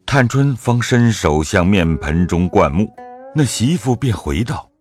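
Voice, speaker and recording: A man narrating a classical novel as an audio drama in a measured, storytelling way. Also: fairly low pitch, very animated, darkish tone, soft background music.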